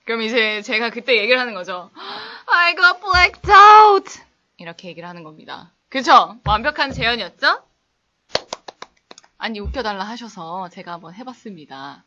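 On a casual live stream, a young woman teaches English in an animated, fairly quick voice with a bright, forceful tone. She reads viewer chat, laughs, and playfully acts out little skits in exaggerated high voices.

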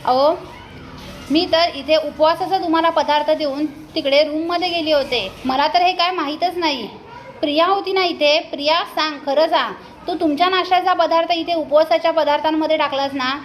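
A woman's voice: high voice, fairly even intonation, normal speed, a little hiss or hum, voice pushed up, close to an everyday voice. A woman voicing an earnest young daughter-in-law who defends herself and accuses another woman. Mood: pleading, accusing.

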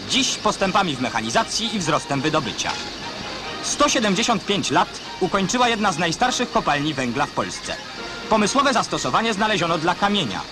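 Give me a man narrating an old newsreel in a brisk, proud announcer's voice. His voice is high and swings lively up and down, with music clearly audible behind him. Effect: old newsreel voice-over.

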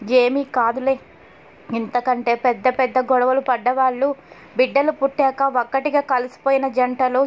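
A woman's voice: high voice, natural voice. Woman reading as Leelavathi, a comforting elder sister. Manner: soothing reassuring advice. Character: older elder sister figure, calm and comforting. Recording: dull lo-fi audio.

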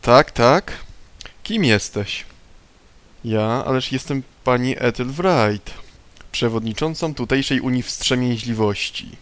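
A man reading the lines of a prim middle-aged woman who leads a temperance union, a little higher and louder than his own voice. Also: slow pace. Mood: indignant. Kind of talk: reading game dialogue aloud.

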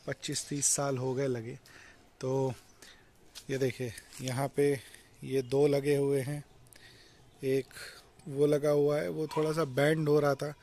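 A young man casually walking through his home garden with a handheld camera, explaining each plant in a relaxed way. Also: medium pitch, slight background noise. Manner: relaxed, explanatory, mixes English words into Hindi. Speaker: vlogger giving a garden tour. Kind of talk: casual walk-and-talk garden tour. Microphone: handheld phone or action camera, point-of-view. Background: faint outdoor ambience.

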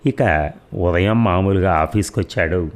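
A man narrating a serialized audio story in a steady, measured reading. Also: deep voice. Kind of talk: read-aloud serial narration.

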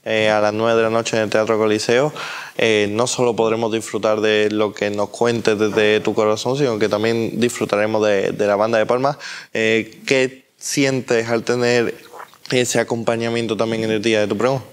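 A young man conducts an interview with a very clear, smooth voice. His pitch stays quite flat, and he builds long questions with hesitant, wordy phrasing. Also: moderate pace. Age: young adult. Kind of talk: on-camera interview. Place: inside an ornate church.

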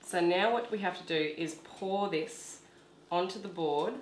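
A woman's voice: fairly low pitch, unhurried, roomy sound, a little hiss or hum. A woman, hosting a cooking demonstration in her home kitchen and explaining each step in a chatty, instructive way. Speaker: cooking show host.

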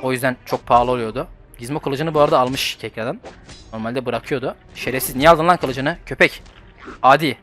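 A young man giving casual gameplay commentary as a channel host, excitable and swearing, swinging from low muttering to shouts. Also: fairly quick, soft background music.

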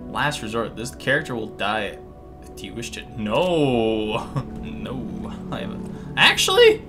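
A young man doing casual, jokey gameplay commentary, excitable, with sudden yelps and muttered asides. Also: medium pitch, unhurried, music in the background. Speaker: gaming streamer.

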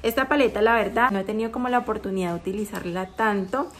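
A woman's voice: medium pitch, fast. A woman vlogger talking through a makeup tutorial, chatty and explaining each step as she goes.

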